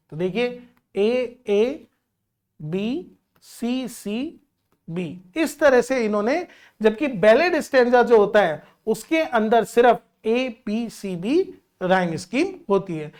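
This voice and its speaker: A woman's voice: fairly high pitch, a little mellow. A woman teaching literature, explaining a poem patiently and counting out syllables, switching between Hindi and English.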